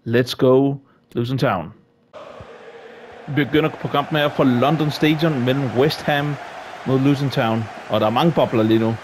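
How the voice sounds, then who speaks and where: A man giving excitable, exclamation-filled commentary while he plays a football video game. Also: mid-range voice, background noise. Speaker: gaming YouTuber.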